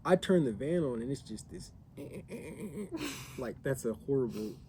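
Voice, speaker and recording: A man's voice: mid-range voice, lively intonation, brisk, crowd noise. A man casually chatting as a vlogger, telling a story in a rambling way with restarts. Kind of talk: casual chat.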